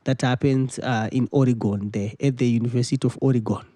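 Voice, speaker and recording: A young man, answering questions about his music. He speaks at a middling pitch, often restarting and repeating words as he finds his phrasing. The recording is dry and close, with no room sound. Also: steady tone, mellow, dry recording. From Zimbabwe. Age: 20s. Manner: halting, repeats words while searching for phrasing. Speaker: musician guest. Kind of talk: interview answers.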